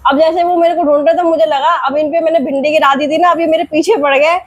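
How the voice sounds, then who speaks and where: High-voiced chatty woman vlogger. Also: fairly even intonation, fast. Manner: chatty, rambling, repeats herself. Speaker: vlogger and mother. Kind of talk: casual storytelling with a moral.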